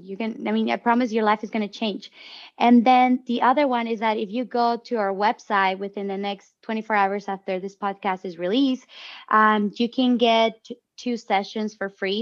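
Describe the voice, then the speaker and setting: A woman whose first language is Spanish, chatting loudly and animatedly as a life coach guest on a podcast. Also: mid-range voice. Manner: loud and animated by her own account. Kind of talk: casual podcast chat. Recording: dull lo-fi sound.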